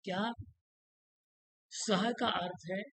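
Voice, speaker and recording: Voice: mid-range voice, steady tone, very slow, fairly bright tone. A teacher giving a grammar lesson who repeats each rule several times and keeps quizzing the listener. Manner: drills rules by repetition and quizzes the listener. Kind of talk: classroom-style grammar lesson. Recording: echoey room with long reverb.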